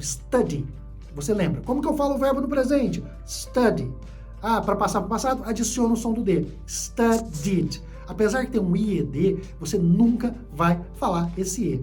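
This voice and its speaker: A man's voice: high voice, darkish tone. A man with a Brazilian accent teaching a video lesson, patient and repeating key points for his students. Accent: Brazilian Portuguese. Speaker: English teacher.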